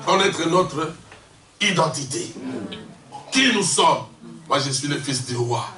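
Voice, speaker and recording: A man from Congo preaching an impassioned sermon in French, shouting and calling out questions to the congregation. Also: on the high side, animated, slow, a crowd in the background. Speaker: visiting preacher. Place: church hall. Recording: echoey church hall, distant mic, congregation responding. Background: congregation responses.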